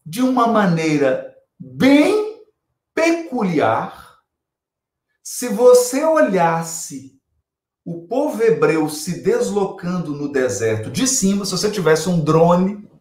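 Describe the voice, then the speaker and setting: A man's voice: high-pitched, big pitch swings, slow, a little mellow, roomy sound. A Brazilian man giving a spiritual lecture on scripture, emphatic, repeating key phrases and asking rhetorical questions.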